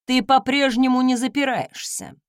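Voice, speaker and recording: A woman's voice: sits high, moderate pace, dry recording, clean studio sound, close to an everyday voice. A woman voicing a smug, teasing husband in an audiobook, speaking with a purring, mocking smirk. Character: smug teasing husband, adult man, magic-dabbling noble. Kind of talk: audiobook character reading.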